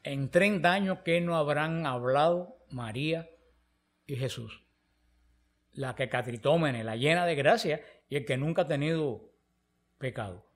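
A preacher with a fairly high-pitched voice speaks a little slowly, teaching on the Bible in a conversational way. He tells stories animatedly and acts out the quoted dialogue.

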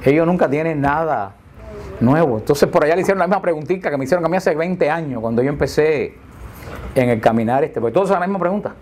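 An older man leads an informal catechism class, spinning stories and joking at his own slips. His voice sits somewhat high for a man. A faint background noise runs under his talk. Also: brisk, a little mellow. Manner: chatty, jokey storyteller who laughs at his own slips. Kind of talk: informal teaching to a group.

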